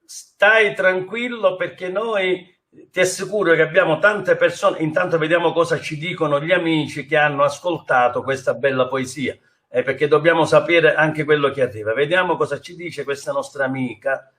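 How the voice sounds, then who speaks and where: A man's voice: on the high side, moderate pace, fairly bright tone. A man with a Sicilian accent hosting a live talk show, addressing guests and viewers at home. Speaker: host.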